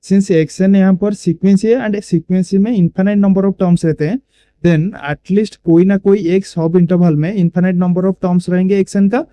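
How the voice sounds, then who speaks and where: Bright-voiced man explaining math. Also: high voice, steady tone. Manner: slow, step-by-step explaining, mixing Hindi and English. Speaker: math teacher. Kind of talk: blackboard-style math lecture.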